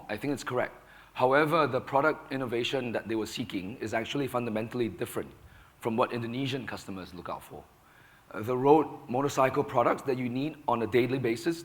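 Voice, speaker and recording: A hoarse man with a sore throat, speaking on a conference panel and explaining points in a measured, firm way. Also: mid-range voice. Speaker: panelist, company founder. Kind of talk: panel discussion.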